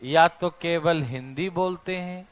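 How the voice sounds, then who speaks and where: A man's voice: a little high, slow pace, smooth. A male math teacher lecturing a classroom, teasing his students and checking in with them constantly.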